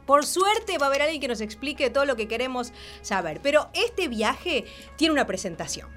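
A woman's voice: sits high, sing-song, moderate pace, a bit bright, soft background music. A woman with an Argentine accent co-hosting children's radio, chatting playfully and expressively with mock amazement.

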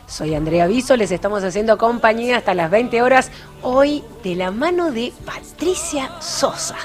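A woman's voice: fairly high pitch, lively intonation, normal speed, faint music behind. Playful Argentine woman radio host. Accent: Argentine Spanish. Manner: playful, enthusiastic. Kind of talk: casual radio talk.

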